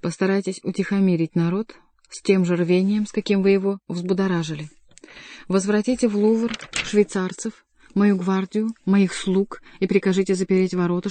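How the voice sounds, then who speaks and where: A woman reading the part of an anxious, weary king in an audiobook, hushed and brooding. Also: mid-range voice, dry recording, close to an everyday voice.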